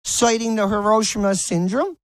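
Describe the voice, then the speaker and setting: A man's voice: sits high, moderate pace, no room sound. Male talk host, furious and profane, sneering at his targets. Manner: angry, mocking, swears constantly. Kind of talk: profane ranting commentary.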